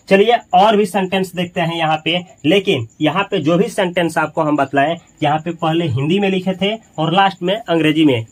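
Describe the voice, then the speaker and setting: A man gives an English lesson in Hindi, with a voice pitched a little high for a man. He speaks slowly and says each example phrase over and over in drill fashion. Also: a bit bright. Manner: slow, repeats example sentences drill-style. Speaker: English teacher.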